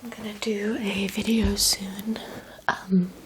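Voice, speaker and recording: A woman doing a whispered role-play as a spa massage host, speaking in a soft, soothing, gentle whisper. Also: medium pitch, little pitch movement, slow, background noise.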